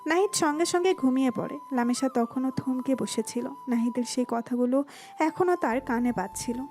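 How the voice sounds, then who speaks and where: High-voiced woman narrating a story. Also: normal speed, a little mellow, soft background music. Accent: Bengali. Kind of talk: scripted narration.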